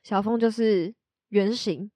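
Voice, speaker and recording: A woman's voice: medium pitch, unhurried, dark tone, dry recording, clean studio sound. A young woman, co-hosting a podcast in frank, chatty casual talk. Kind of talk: casual chat.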